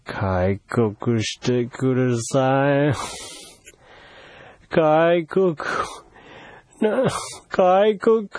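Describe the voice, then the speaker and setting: A man's voice: sits high, breathy edge, no echo, exaggerated voice. A man doing a flamboyant older foreign envoy. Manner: teasing, wheedling, mixes English phrases into broken Japanese. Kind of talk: solo comedy sketch.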